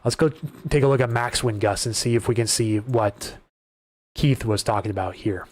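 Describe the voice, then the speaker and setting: A man hosting a live weather stream chats casually through wind data and viewer questions, repeating words and restarting sentences as he reads numbers. His medium-pitched voice, at normal speed, is beginning to turn hoarse, with no room sound.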